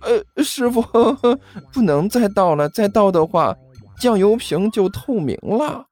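Dude doing a whiny young apprentice guy, high and pleading. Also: expressive, unhurried, a little mellow, no room sound. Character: young male apprentice, eager and distracted.

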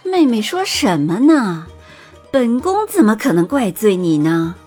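A woman's voice: mid-range voice, big pitch swings, a little slow, mellow, breathy edge, faint music behind, pitched above the performer's own voice. A woman voicing a scheming, pregnant young imperial noble consort who speaks with sweet, condescending politeness in an audiobook. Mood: sweetly commanding. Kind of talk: audiobook character voice.

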